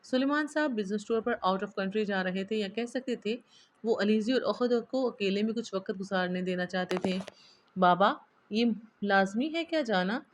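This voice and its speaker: A woman reading a romance novel aloud in steady storybook narration. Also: medium pitch, moderate pace, a little hiss or hum. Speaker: novel reader.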